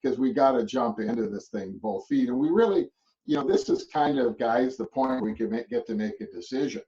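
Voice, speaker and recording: A man's voice: medium pitch, brisk, mellow. A middle-aged man from Canada giving a motivational presentation to real estate agents, rambling and chuckling, with many a tag "right?". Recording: distant muffled mic.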